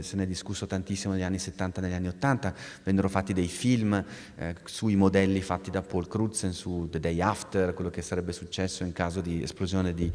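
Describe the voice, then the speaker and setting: A deep-voiced man delivers a live public science lecture in a large hall. He is animated and discursive, restarting phrases and turning to the audience with asides.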